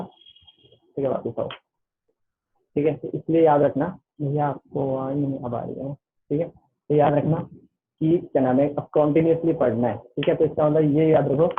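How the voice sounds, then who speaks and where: A man tutoring students in a casual online class, rambling and repeating "okay" after nearly every phrase. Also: a little high. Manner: repeats "ठीक है" constantly, loose and rambling. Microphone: online class call. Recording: tinny phone-line audio.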